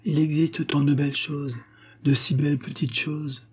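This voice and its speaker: A man's voice: a little high, little pitch movement, measured pace, breathy edge, voice pushed up. A man reading aloud, voicing a passionate young mountaineer who speaks lyrically to the woman he loves. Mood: impassioned.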